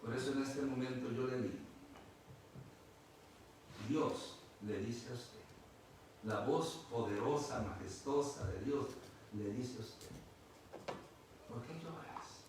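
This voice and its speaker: A man preaching slowly and with feeling, swinging between loud calls and soft, hushed lines. He is recorded from a distance in a very echoey hall, with steady noise behind him. His voice sits at an average pitch. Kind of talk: sermon. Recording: echoey room, mic at a distance, noisy.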